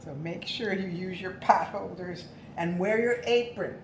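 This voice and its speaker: A woman's voice: on the low side, a little slow, echoey room, background noise. A middle-aged woman hosting a home cooking show, chatting cheerfully and giggling as she explains the recipe. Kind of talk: casual cooking chat. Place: home kitchen, later outdoors.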